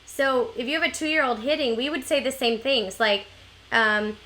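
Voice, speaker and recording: A woman's voice: fairly high pitch, normal speed, bright, forceful tone, low-quality recording. A woman hosting an interview, chatting eagerly and agreeing with her guest. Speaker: show host. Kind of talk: casual interview chat.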